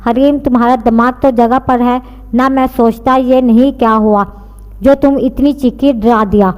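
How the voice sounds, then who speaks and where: A stern young man who snaps and scolds, read by a woman narrator in her own fairly high voice. His short lines ring out with a long echo. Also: steady tone, normal speed, muffled recording, natural voice. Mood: irritated. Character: curt, easily irritated young man. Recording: long reverb.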